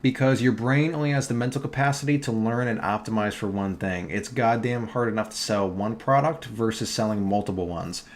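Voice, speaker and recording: In a lowish voice, a young New York–accented livestreamer talks a little fast with few pauses. While screen-sharing a casual tutorial on online store building, he chats with viewers and catches his own mistakes as he goes.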